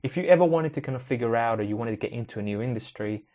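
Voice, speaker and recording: Racing along with lively intonation and a warm, medium-pitched voice, this solo podcast host muses casually, rambling, wry, and cutting himself off mid-sentence. A native Spanish speaker, he moved from a Spanish-speaking country to the UK at age ten. The audio is lo-fi and slightly dull.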